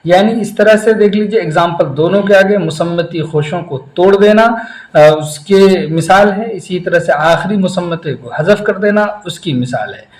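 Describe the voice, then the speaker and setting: A man teaching an exam prep lecture, explaining step by step and pausing often on drawn-out fillers. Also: sits high, reverberant, rough recording.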